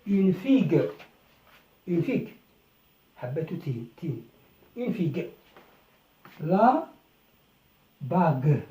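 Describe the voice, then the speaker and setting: Slow phonics teacher in an echoey room. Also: mid-range voice, very animated, dark tone, far from the mic. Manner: slow, drawn-out syllables, repeating words. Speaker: French teacher. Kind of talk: beginner phonics lesson.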